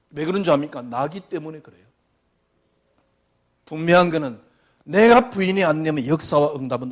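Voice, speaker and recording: A male pastor preaching a sermon emphatically, firing rhetorical questions and swinging between loud and hushed delivery. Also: high voice.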